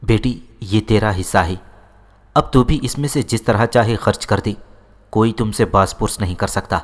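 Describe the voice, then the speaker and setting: Old matriarch, firm and motherly, voiced by a male audiobook narrator, low pitch. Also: lightly acted. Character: elderly mother, commanding yet loving matriarch.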